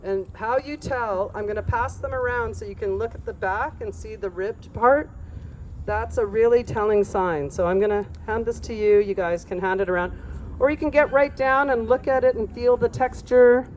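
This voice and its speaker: A woman teaching a group about plant medicine, telling lively stories and laughing often. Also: a little high, normal speed, slight background noise.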